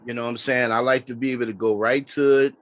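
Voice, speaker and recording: A man talks casually as a guest on a producers' podcast. His voice sits at an ordinary middle pitch. He circles back, restarts lines and leans on "you know what I'm saying.". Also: fairly even intonation, quick pace, dry recording. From Memphis, Tennessee, US. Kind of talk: casual podcast interview chat.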